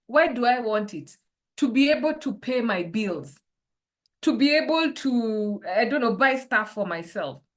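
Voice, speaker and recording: A woman's voice: fairly high pitch, expressive, unhurried. Woman coaching over a call. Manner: poses reflective questions to listeners. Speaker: life coach. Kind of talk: online workshop talk.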